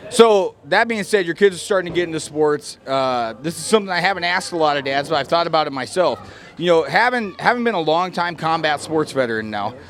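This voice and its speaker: Higher-voiced man, chummy sports interviewer. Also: a bit bright. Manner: informal, chummy, says man often. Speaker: interviewer, former fighter.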